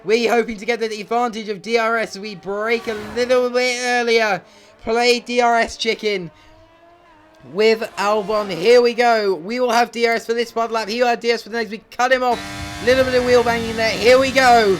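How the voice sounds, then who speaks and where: This young YouTuber speaks at normal speed in a very high, fairly bright voice with fairly even intonation, urgently calling his own racing game move by move and sounding out of breath. Game music runs clearly behind him on a low-quality recording with a little hiss or hum.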